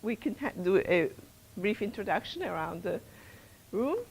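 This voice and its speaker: A woman's voice: medium pitch, expressive, moderate pace, creaky, husky, low-quality recording. A middle-aged woman, a research center's principal investigator, opening a workshop lecture in a lecture room, hesitant with many fillers and restarts.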